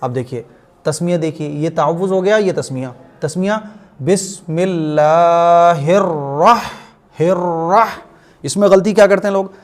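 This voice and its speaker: A man's voice: high-pitched, a little mellow. Patient man teaching Quran reading. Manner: patient, asks questions and answers them himself; draws out recited words slowly to demonstrate.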